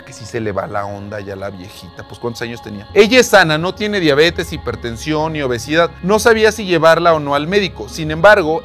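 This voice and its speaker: A man's voice: a little high, fairly bright tone. A man with a Mexican accent, reading chat screenshots aloud and teasing the people in them, laughing often. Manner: gossipy, teasing, laughs often, voices the messages. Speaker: host reading viewer chats. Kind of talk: casual commentary on chat screenshots.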